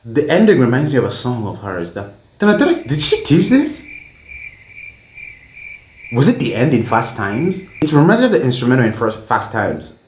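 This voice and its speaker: A man giving excitable, gushing commentary while reacting to an album, swearing freely as he talks. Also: medium pitch, brisk. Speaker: music reaction vlogger. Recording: roomy echo with faint music playing.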